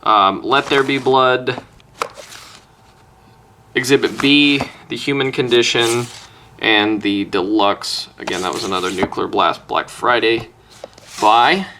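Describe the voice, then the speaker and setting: At home in a room, close to a wall, a male music-collector vlogger casually rambles through a list of albums, swearing offhand. His medium-pitched voice is fairly even and slow with frequent pauses, and there's background noise.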